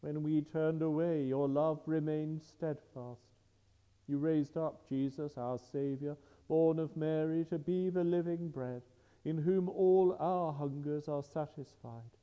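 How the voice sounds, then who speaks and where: A man celebrates the liturgy, praying slowly and solemnly in a fairly high voice. The long cathedral echo rolls out behind each phrase, and the recording is muffled and lo-fi. Soft music lingers in the background. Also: fairly even intonation, clear, resonant tone. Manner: slow, measured, solemn recitation. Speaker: priest. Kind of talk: liturgical prayer at Mass. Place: large church. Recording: dull lo-fi recording in a reverberant church.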